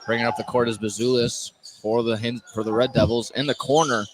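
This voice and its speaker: This is live sports radio: a man in an indoor basketball gymnasium calls the game in clipped bursts, fairly quick and flat, in a mid-range voice. Gym noise and bouncing basketballs fill the background.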